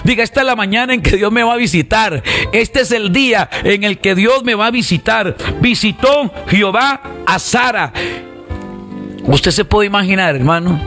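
A man from Costa Rica, speaking with that country's accent, preaches an online sermon in a high, slightly bright voice. He fervently repeats phrases and keeps calling on his listeners to respond.

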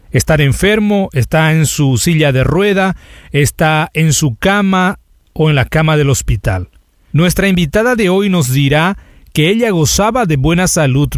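Male radio host, pastoral scripted delivery, slightly high voice, dry sound, faint music under. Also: no room sound.

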